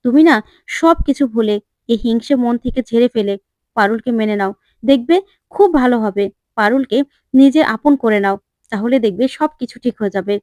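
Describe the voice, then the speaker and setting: A kind sister-in-law who gently reasons and gives advice, read by a woman narrator. The sound is dry and close. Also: a little high, normal speed, long pauses, no room sound, lightly acted. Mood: coaxing. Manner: coaxing, advising.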